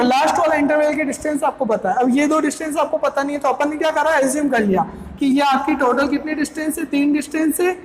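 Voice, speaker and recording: A woman with a high, light voice works through a physics lesson. She poses question after question and answers each one herself, repeating every figure twice. A faint hum of noise sits under her voice. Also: rough recording. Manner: keeps asking and answering her own questions. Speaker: physics teacher. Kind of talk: step-by-step lecture.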